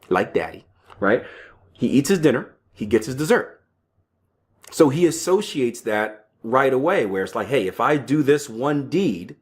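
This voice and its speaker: Speaking in a lowish voice, a thirty-something man hosts a solo podcast on trading psychology in a relaxed, conversational way. Restarts and fillers pepper his talk, along with offhand side comments and a habit of adding "right?" to his lines.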